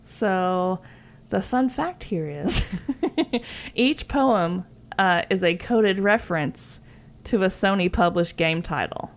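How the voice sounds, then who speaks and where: A woman's voice: medium pitch, animated, takes it slowly. A woman co-hosting a podcast in casual chat, sharing facts in a chatty, giggly way with lots of "like" fillers. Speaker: podcast co-host.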